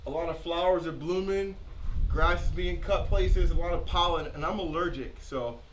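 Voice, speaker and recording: A man's voice: on the high side, normal speed, a little hiss or hum. Congested man chatting with his dogs. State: congested from allergies. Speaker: animal vlogger. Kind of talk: casual vlog narration.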